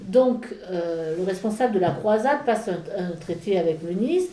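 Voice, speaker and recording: A woman explaining medieval history in a casual talk, halting with many fillers and restarts. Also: mid-range voice, expressive, mellow, echoey room, poor audio. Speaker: speaker on a church history talk. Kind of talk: informal history lecture in conversation.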